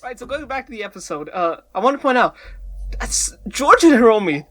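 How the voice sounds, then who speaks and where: A man hosting a casual podcast, jokey and animated, dropping loud and soft. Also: extremely high pitch, brisk. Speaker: podcast host.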